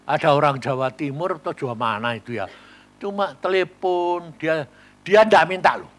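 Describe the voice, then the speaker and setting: A man preaching a sermon, telling stories and acting out conversations, swinging from quiet asides to loud emphasis. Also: a little high, moderate pace. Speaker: pastor.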